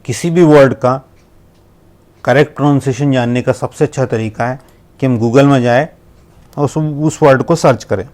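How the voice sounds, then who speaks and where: A man teaches a lesson on pronunciation with a warm, relaxed voice. He explains patiently, mixing English terms into his Hindi and drawing out individual sounds of each word. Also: medium pitch. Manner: explains in Hindi with English words mixed in, slowly spelling out sounds. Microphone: laptop screen recording.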